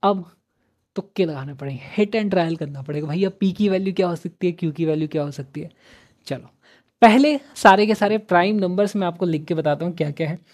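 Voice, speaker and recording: A man's voice: high-pitched, fairly quick. Chatty man teaching, repeats himself. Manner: repeats phrases several times in a row; chatty, asks and answers own questions. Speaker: math teacher. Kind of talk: online exam-prep lesson.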